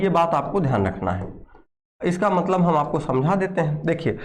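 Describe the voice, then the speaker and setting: A man's voice: sits high, a little mellow. A man teaching an exam-prep lesson, explaining step by step and counting letters aloud while giving students repeated reminders.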